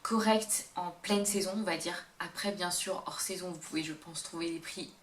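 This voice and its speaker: A woman's voice: on the low side, moderate pace, a bit bright. Female vlogger, upbeat casual delivery with hesitations, roomy echo, faint hum. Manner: chatty and upbeat, with frequent hesitations. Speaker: beauty and travel vlogger. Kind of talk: casual face-camera travel tips chat. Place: indoor room, talking to camera.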